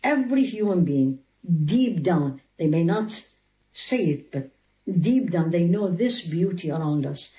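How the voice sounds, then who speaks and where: A woman's voice: on the low side, expressive, unhurried, dull audio. A woman with an Arabic accent, a religious teacher explaining in an interview, asking rhetorical questions and quoting scripture in Arabic. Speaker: Islamic teacher.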